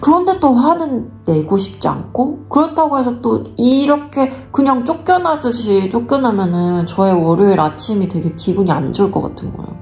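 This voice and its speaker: A woman's voice: on the high side, normal speed, hardly any pauses, soft background music. Korean woman telling a personal story. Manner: animated, acts out dialogue in quotes. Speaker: vlogger.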